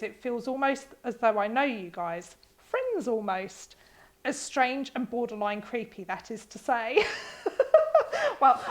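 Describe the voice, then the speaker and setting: A woman hosting a casual show, reading listener emails aloud with open emotion and frequent laughter. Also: on the high side. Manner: emotional, expressive, laughs often.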